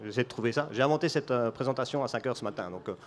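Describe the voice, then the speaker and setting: A man's voice: mid-range voice, rapid-fire. A man with a Belgian French accent speaks at a conference in a mid-range voice. He explains his point through a running example and often restarts his phrases as he goes. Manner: storytelling explainer with frequent restarts. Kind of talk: conference talk.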